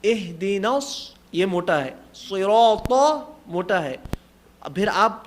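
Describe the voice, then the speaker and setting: High-voiced Quran teacher chanting slowly. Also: male voice, slight background noise. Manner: encouraging, demonstrates recitation in slow drawn-out chant. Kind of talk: Quran tajweed class in Urdu. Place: classroom in Jeddah.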